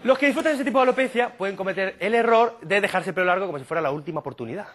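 A man from doing a stand-up comedy monologue, telling absurd stories in a deadpan way and slipping into quick silly impressions. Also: sits high. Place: comedy stage before a live audience.

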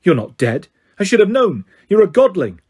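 A man voicing a sly, greedy gatekeeper of the underworld in a storybook, smooth and condescending with a British accent. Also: high-pitched, very animated, normal speed, a little mellow, pitched above the performer's own voice, exaggerated voice. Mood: cold menace.

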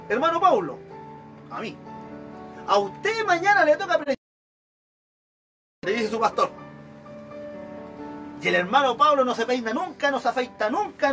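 A man with a Chilean accent delivers an evangelical sermon in a high voice. He keeps mimicking the people he talks about, so his pitch leaps and falls. Soft music plays under him. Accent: Chilean Spanish. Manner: animated, acts out examples of church members. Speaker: preacher.

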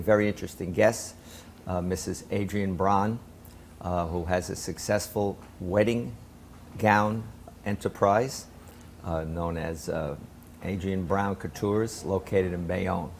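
Deep-voiced older male talk show host. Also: steady tone, vocal fry, a little mellow, slight background noise. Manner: formal, measured, with frequent uh fillers. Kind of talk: local cable talk show hosting. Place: small studio set.

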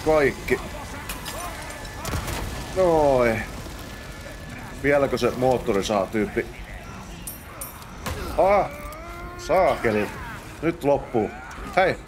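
A man's voice: mid-range voice, expressive, music in the background. A young Finnish man giving casual gameplay commentary, muttering to himself and bursting into exclamations during fights. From Finland. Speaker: let's play host.

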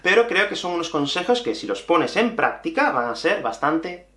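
A young Andalusian man teaching Spanish, his voice swinging up and down as he drives each point home. He sits a little high in pitch, and the room gives him a noticeable echo. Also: normal speed. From Andalusia, Spain. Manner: animated and emphatic, repeating key points. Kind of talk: lively video lesson.

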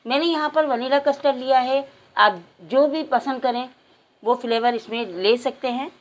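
High-voiced woman giving calm recipe steps. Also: moderate pace. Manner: calm, instructive, addresses viewers directly. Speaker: cooking channel host. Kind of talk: step-by-step recipe voice-over.

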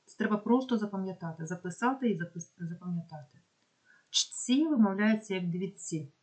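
A woman with a Ukrainian accent, teaching a pronunciation lesson and slowly spelling out example words with care. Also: medium pitch, lively intonation, darkish tone. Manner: slow, careful dictation of examples. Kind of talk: explaining phonetics lesson.

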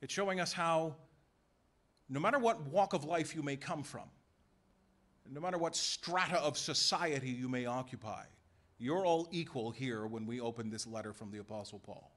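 A man preaching a sermon in a church, emphatic and full of rhetorical questions and quick voiced asides. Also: medium pitch, fairly bright tone. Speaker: pastor. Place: church sanctuary.

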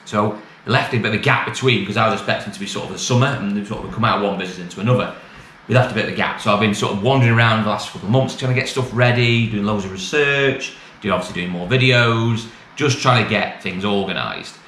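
A middle-aged British man, by trade a used car dealer and vlogger, delivers a colloquial, matter-of-fact, meandering update to camera from a small bare office. His voice is on the low side, quick with few pauses, and fairly bright in tone. The room echoes, and background noise is clear.

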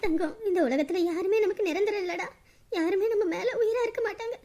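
A woman voicing a hurt, proud young mother in an animated drama, talking through bitter tears. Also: very high-pitched, brisk. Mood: weary. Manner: tearful, bitter inner monologue.

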